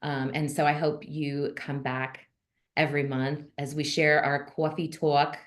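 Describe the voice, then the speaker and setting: A woman's voice: deep voice, level tone, a little slow. A woman hosting a casual monthly video call for notaries, chatty and frank, with frequent ums.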